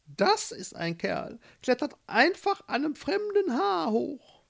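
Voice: high voice, big pitch swings, slow, creaky, fairly bright tone, voice pushed up, full character voice. A storyteller voicing a blind mole who hesitates and repeats the same saying, in a read-aloud fairy tale. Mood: admiring.

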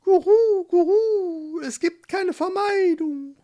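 A narrator voicing a flock of excited doves in a storybook, cooing between their words. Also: very high voice, slow pace, pitched above the performer's own voice. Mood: agitated cooing. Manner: cooing interjections. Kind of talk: storybook reading.

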